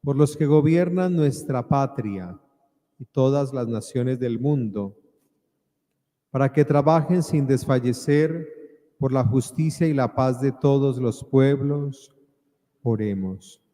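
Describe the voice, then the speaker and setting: Slow-spoken priest in cathedral echo. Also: male voice, mid-range voice, dark tone. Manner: measured, deliberate phrasing with pauses. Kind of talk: solemn liturgical prayer and preaching. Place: large reverberant church. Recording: cathedral-like echo, long church reverb.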